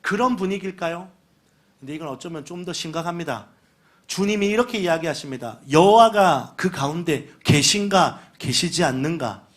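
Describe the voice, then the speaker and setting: A man preaching a sermon as pastor, animated, swinging between soft asides and loud exclamations and acting out the voices he quotes. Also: a little high, moderate pace. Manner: animated preaching, dramatic shifts in volume, acts out quoted voices.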